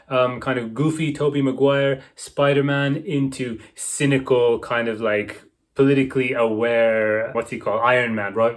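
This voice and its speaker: A man giving a casual, opinionated review to camera, rambling with lots of fillers and tag questions, talking enthusiastically into a close mic. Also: medium pitch. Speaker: book and film reviewer.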